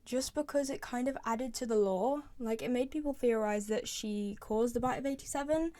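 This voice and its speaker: Background noise runs under this clip of a young woman, a game fan and video creator, whose voice sits on the high side. Speaking at a moderate pace, she gives casual, opinionated takes on the game and keeps repeating phrases for emphasis.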